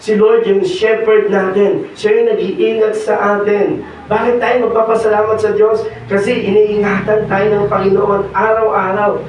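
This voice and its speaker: A hoarse young man preaching a sermon, mixing in English and pausing on fillers. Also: high-pitched, flat delivery, a little hiss or hum. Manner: mixes Tagalog and English, pauses with fillers. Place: church hall. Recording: echoey hall, distant dull mic.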